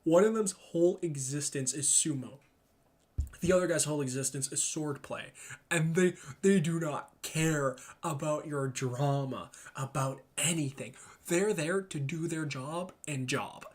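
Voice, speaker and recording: A young man chatting casually and emphatically in slang, thinking out loud as he rambles through his opinions. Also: on the high side, unhurried. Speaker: solo commentator reading and reacting to comments. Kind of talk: casual rambling chat about comics and anime.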